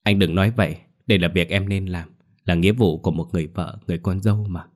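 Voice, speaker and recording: A man doing a shrill scheming young wife. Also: fairly even intonation, quick pace. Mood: coaxing. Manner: shrill, pleading.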